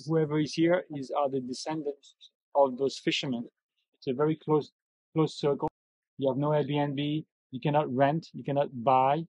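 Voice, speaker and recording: A middle-aged man explaining local history to riders outdoors as a bike tour guide, halting with many fillers and restarts. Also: mid-range voice, husky, dry recording, low-quality recording. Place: outdoors on a coastal road, on a bike.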